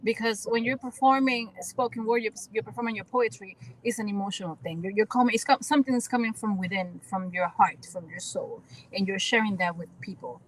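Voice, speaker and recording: Her mid-range voice, fairly even in intonation and a little fast, belongs to a spoken word artist and actress from the Dominican Republic with a Dominican Spanish accent and Spanish as her first language. As a radio interview guest she speaks earnestly and reflectively, often repeating words as she finds her phrasing, captured in a low-quality recording with slight hiss or hum.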